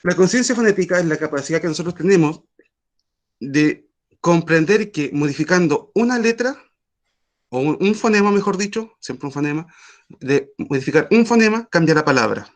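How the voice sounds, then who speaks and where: A man teaching an online language class, explaining patiently with frequent pauses and fillers. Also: fairly high pitch, expressive.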